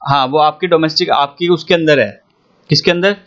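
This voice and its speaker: A young male teacher with a slightly high voice gives a casual economics lesson. He mixes with phrases and keeps asking whether his students follow. The sound is dull and lo-fi. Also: fairly quick, fairly bright tone. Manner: chatty, asks students if they follow. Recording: dull lo-fi audio.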